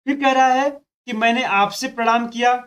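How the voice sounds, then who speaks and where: In an exam practice lesson, a male teacher with a very high-pitched, fairly bright, steady voice works through test questions step by step at normal speed. He repeats phrases and speaks straight to his students, using "dekho" and "thik hai."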